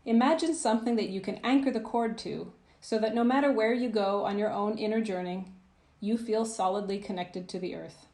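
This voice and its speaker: A woman with a mid-range voice guides a visualisation as a coach, reading a scripted meditation in a spacious, echoing room. She sounds soothing and gentle, with a measured pace and phrases that trail off at the end.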